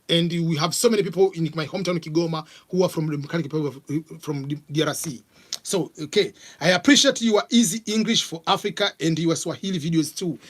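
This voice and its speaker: Hosting a live vlog Q&A, a middle-aged Tanzanian man with a Tanzanian accent answers viewer questions casually and haltingly, using lots of fillers. His voice sits high.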